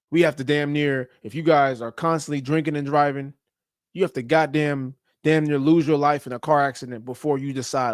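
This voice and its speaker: A man's voice: mid-range voice, no room sound, clean studio sound. A man hosting a podcast, giving a blunt motivational talk about fitness and habits, with casual profanity and slang. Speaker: podcast host. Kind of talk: motivational monologue.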